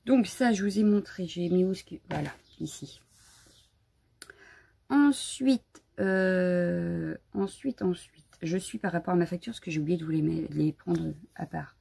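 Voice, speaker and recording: A woman hosts a relaxed live crafting stream from her home, chatting loosely and greeting viewers as she goes. Her voice is strongly gravelly and very husky, sitting a little low. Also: measured pace. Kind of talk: casual live unboxing chat.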